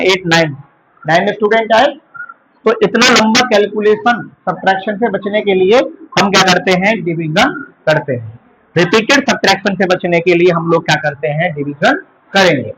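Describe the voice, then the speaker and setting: Male math teacher from India, high voice, drills terms by repeating them, noisy recording. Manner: asks questions and answers them himself, repeats key terms slowly. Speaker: school teacher. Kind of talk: classroom math lesson.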